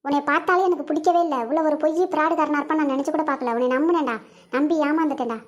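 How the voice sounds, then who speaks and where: A woman's voice: high-pitched, steady tone, very fast, muffled recording. A young woman acting a scolding, indignant bride in a scripted comedy sketch.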